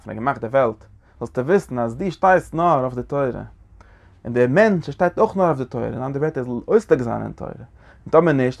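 A man teaching a lecture on a religious text, talking in halting phrases that he often repeats and restarts. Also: mid-range voice, gravelly.

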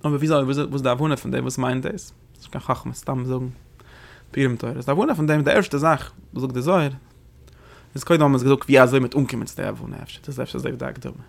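A man with a gravelly, creaky voice teaching a lesson on religious texts. He talks quickly and explains as he goes. He keeps asking rhetorical questions and then answers them himself. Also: mid-range voice. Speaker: Torah teacher.

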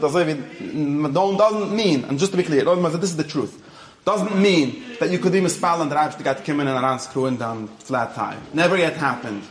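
A man's voice: fairly high pitch, echoey room. A man giving an informal religious lecture, moving between Yiddish and English and often checking that his listeners follow. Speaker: religious teacher.

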